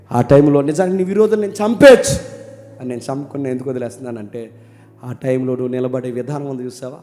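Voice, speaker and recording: A man preaching a sermon, talking casually and then rising into loud, emphatic questions. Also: mid-range voice. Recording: long hall reverb with faint music.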